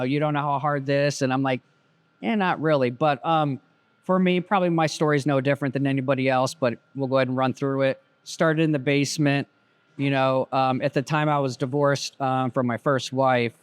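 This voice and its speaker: Interviewed casually as a guest, a man in his fifties who owns a business recounts his story in a plainspoken, reflective manner full of "you know." He speaks in a smooth, medium-pitched voice on a dry recording.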